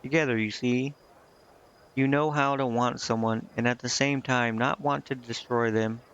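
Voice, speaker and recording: A game streamer with a medium-pitched, clean, fairly bright voice talks at normal speed with fairly even intonation. He offers casual commentary and reads the dialogue in a hesitant, word-stumbling way. Game music plays behind slightly muffled audio.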